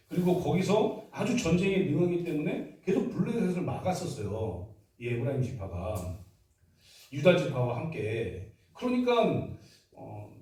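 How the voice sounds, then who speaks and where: Korean pastor preaching in a booming hall. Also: male voice, mellow. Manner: emphatic, asks the congregation rhetorical questions. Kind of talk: sermon. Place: church sanctuary. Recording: echoey hall from far off.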